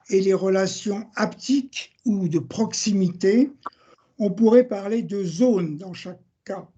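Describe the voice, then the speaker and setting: Older man, academic seminar lecture, measured reading from notes, slow delivery, mellow husky voice, dull lo-fi recording. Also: sits high. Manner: measured reading, citing sources and page numbers, correcting himself.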